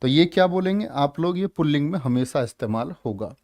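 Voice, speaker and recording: A man's voice: a little high, lively intonation, a little fast, a little mellow. A man teaching a Hindi grammar exam-prep class, quizzing and scolding students and stretching out letter sounds as he spells them. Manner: scolds and teases students, drills answers with repeated questions.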